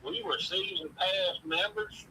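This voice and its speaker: A man's voice: high-pitched, steady tone, unhurried, pushed and bright, slight background noise, poor audio. A man with a folksy Southern drawl from Mississippi, chatting casually about sports as a show host.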